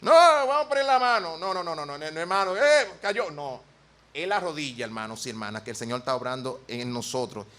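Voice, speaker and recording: A man's voice: medium pitch, brisk, a bit bright. A man preaching a sermon in a church with a Dominican accent, earnest and folksy, weaving in personal stories. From Dominican Republic.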